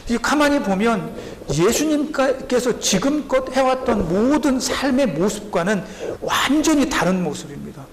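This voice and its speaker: A male pastor preaching a sermon to his congregation, animated and acting out the people in the story. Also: very high voice, unhurried, hardly any pauses. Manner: speaks directly to the congregation. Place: church sanctuary. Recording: echoey church hall, faint ambience.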